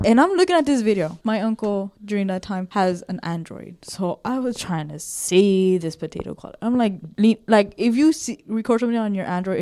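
A woman's voice: medium pitch, mellow, dry recording. A woman hosting a podcast, telling a story in a profane, rambling way and slipping into Spanish words now and then. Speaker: podcast host. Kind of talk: casual storytelling.

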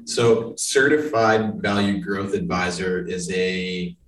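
A business professional from suburban Boston in the United States answers interview questions in a conversational, explanatory way. His voice sits low with fairly even intonation and a slow pace, captured by a distant microphone in an echoey room.

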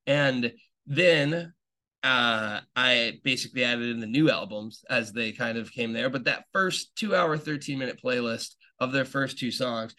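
A young podcast host rambles through a casual monologue packed with fillers and restarts, sounding like an enthusiastic fan. His mid-range voice comes across pushed and bright, and he speaks a little slowly.

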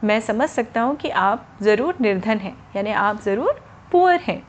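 A man's voice: high-pitched, expressive, normal speed, slight background noise. A woman voicing a kind, earnest young warrior prince who speaks respectfully and with concern.

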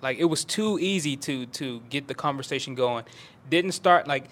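A man's voice: mid-range voice, normal speed. A young adult man, a podcast co-host, telling stories in casual chat and acting out bits of dialogue. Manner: relaxed storytelling with acted-out dialogue.

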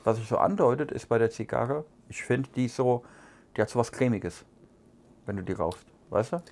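A man's voice: mid-range voice, moderate pace. Chatty man reviewing cigars. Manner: relaxed, chatty, muses with fillers. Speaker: podcast co-host. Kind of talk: casual cigar review chat.

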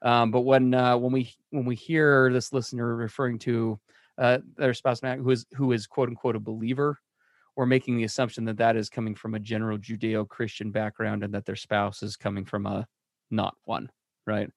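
Male podcast co-host, energetic casual talker, dry close mic. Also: medium pitch, normal speed, no echo. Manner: energetic, chatty, with restarts and fillers.

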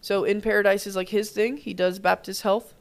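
A woman's voice: medium pitch, flat delivery, fairly quick, vocal fry. A woman in her thirties, co-hosting a gym podcast in an upbeat, chatty casual conversation. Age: 30s. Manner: chatty, upbeat, trailing off mid-sentence. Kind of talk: casual chat.

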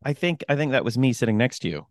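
A man's voice: medium pitch, big pitch swings, fast, no echo, clean studio sound. A man co-hosting a casual podcast as a running coach, talking emphatically and often laughing as he makes his points. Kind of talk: casual chat.

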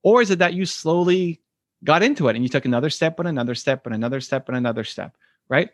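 In studio-quality audio with no echo, a man being interviewed on a podcast answers fast and earnestly, his intonation lively. His replies are reflective and conversational, and he acts out quoted voices by raising his pitch.

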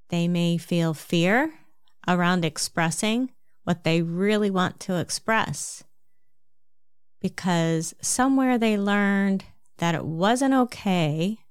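A woman with a New Jersey accent giving a calm, measured self-help talk, explaining things step by step. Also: on the low side, clean tone, dry recording, studio quality.

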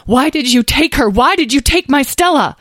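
A woman's voice: low-pitched, very animated, takes it slowly, a little mellow, dry recording, clean studio sound, exaggerated voice. A woman voicing a fierce mother dragon who demands answers in a raised, pleading voice. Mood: accusing, anguished.

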